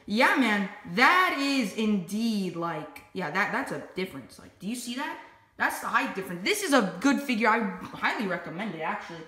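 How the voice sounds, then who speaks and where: A woman unboxing toy figures, chatty and excitable, often bursting into yells and squeals. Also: medium pitch, moderate pace. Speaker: toy collector vlogger. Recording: roomy echo, faint background noise.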